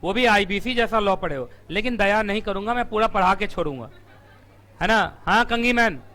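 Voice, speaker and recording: Recorded on a room mic, a man lectures a live class on company law in a high, bright voice. He rapidly throws questions at the students, then answers them himself, and his voice sounds strained from shouting.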